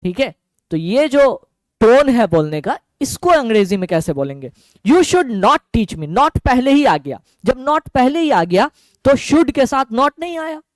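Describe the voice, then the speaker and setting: A man with a Bihari Hindi accent teaching English grammar in an online lesson, drilling each form slowly and over again. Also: very high voice, no echo. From Bihar, India. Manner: slow, repetitive drilling with lively rising and falling intonation.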